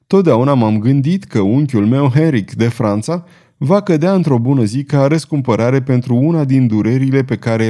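A man's voice: medium pitch, mellow, close to an everyday voice. A man voicing an earnest, troubled young duke who speaks in a subdued tone.

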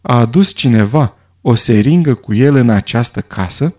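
A man voicing a calm, measured old judge who speaks in a level, deliberate way. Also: mid-range voice, natural voice.

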